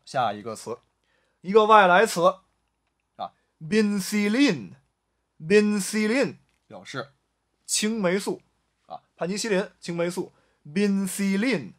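Guy teaching vocab, says each word over and over real slow, lots of "ah"s, high voice. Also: fairly bright tone. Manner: drills each word slowly, repeating it several times; frequent drawn-out "ah" fillers. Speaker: Arabic language teacher. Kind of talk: vocabulary lesson.

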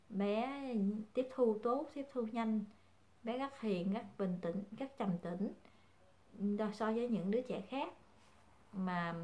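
A woman's voice: mid-range voice, warm tone, slight background noise. A young woman, chatting casually to her viewers as a mother, hesitant and full of fillers. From Vietnam. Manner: hesitant, many fillers, calls viewers family. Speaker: vlogger, mother.

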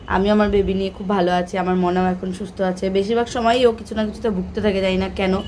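A woman's voice: mid-range voice, darkish tone, slight background noise. A young woman from Bengal vlogging in a casual, rambling way with many fillers and restarts. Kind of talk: casual chat to camera.

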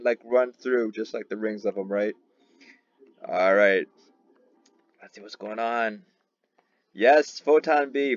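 A man's voice: a little high, creaky, no room sound, lo-fi sound. A man hosting his own gaming channel, commenting on his gameplay with eager energy and repeating words when thrilled. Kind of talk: excited game commentary.

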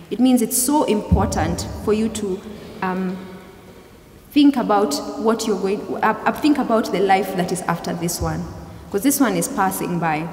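A young adult woman giving a youth service sermon in a measured, explanatory way, often rephrasing as she goes. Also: mid-range voice, darkish tone. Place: large church hall, indoors. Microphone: gooseneck pulpit microphone. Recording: echoey hall, clear background noise.

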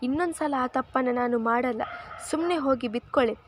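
A woman's voice: high voice, a little fast, slight background noise, close to an everyday voice. A woman voicing a short-tempered young husband who snaps and scolds in a storybook reading. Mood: irritated. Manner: gruff, snapping.

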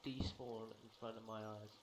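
A man casually chatting while playing a game with a friend, mostly flat and dry with sudden startled yelps. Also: lowish voice, moderate pace. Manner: dry, self-described monotone, with sudden yelps. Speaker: gamer. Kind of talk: casual gameplay chat. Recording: roomy home recording, faint hiss.

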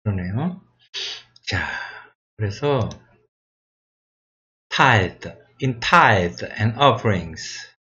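Slow-talking man tutoring from a Bible exam. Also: lowish voice, fairly bright tone, muffled recording. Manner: reads verses aloud, then sounds out English words slowly. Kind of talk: Bible exam review lesson.

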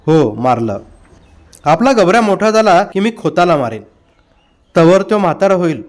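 A man's voice: high voice, sing-song, normal speed, a little mellow. A man voicing a firm village mother in an audiobook, speaking in a chiding tone.

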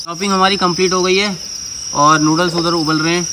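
A man's voice: high-pitched, steady tone, fairly quick. A young man chatting casually with viewers while cooking at a night camp. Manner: chatty, asks viewers to comment. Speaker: camping vlogger. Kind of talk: casual outdoor vlog chat. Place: forest campsite at night, outdoors. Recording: loud night noise, crickets and insects.

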